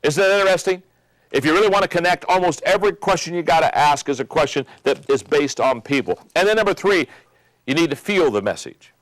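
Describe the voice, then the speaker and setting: An older man giving a motivational leadership lesson, emphatic and repeating key phrases, slowing down for effect. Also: a little high, lively intonation, dry recording. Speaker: leadership teacher. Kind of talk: motivational teaching talk.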